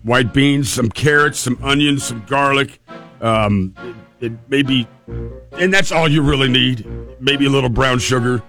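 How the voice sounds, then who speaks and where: Male radio host, medium pitch, casual humorous storytelling, rambling, repeated phrases, faint music behind. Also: a little slow, gravelly, a bit bright.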